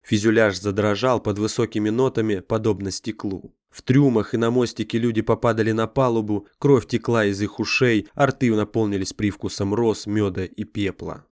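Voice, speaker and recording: Male audiobook narrator, low pitch, close dry sound, grave and steady. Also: normal speed, hardly any pauses, no echo. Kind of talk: scripted dramatic narration.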